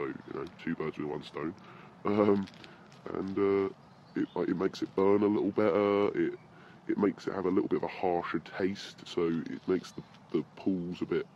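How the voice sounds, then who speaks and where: A British man with a very deep, low-pitched voice talks in a loose, rambling way, swearing freely and chuckling. He is recorded outdoors in a forest with birdsong behind him. The audio is slightly dull and lo-fi, with faint background noise. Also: a little mellow. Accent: British English. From Britain. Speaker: podcast host. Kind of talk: casual rambling monologue.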